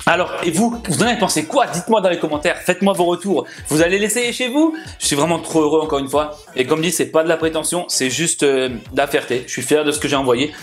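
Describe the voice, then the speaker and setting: A young man hosting a home cooking vlog, talking in an excited, slangy, exclamatory way as he builds and tastes a burger. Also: a little high, fast, hardly any pauses, faint music behind. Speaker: cooking vlogger.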